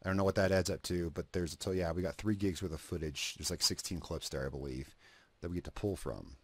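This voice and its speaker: A man's voice: low-pitched, fairly even intonation, fast, breathy edge, no echo. A man talking through a video edit as he works, thinking aloud, trailing off and restarting, swearing casually, a cigarette in his mouth. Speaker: video creator narrating an editing session. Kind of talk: casual screen-recording commentary.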